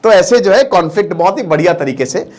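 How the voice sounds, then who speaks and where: Man, high voice, animated storyteller, live scripture retelling, speaks directly to listeners. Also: fast talker. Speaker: storyteller and teacher.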